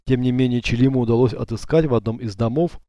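Mellow, dry-voiced male audiobook narrator. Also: mid-range voice, quick pace, no room sound.

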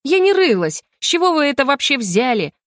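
A woman voicing a defiant, flustered young woman under interrogation, higher and livelier than her narration, in an audiobook. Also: fairly quick, no echo, clean studio sound, lightly acted. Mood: indignant. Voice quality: raised pitch, lively and indignant. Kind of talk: audiobook character voice.

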